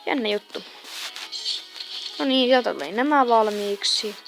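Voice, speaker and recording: A woman's voice: fairly high pitch, expressive, gravelly. A woman hosting a casual let's-play video, chatting and muttering reactions as she plays a farming game. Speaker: gameplay video host. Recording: game music behind the voice. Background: game music.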